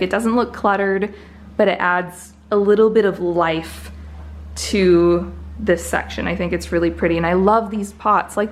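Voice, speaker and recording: A woman vlogger chatting casually to her viewers in an informal, upbeat and enthusiastic way. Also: mid-range voice.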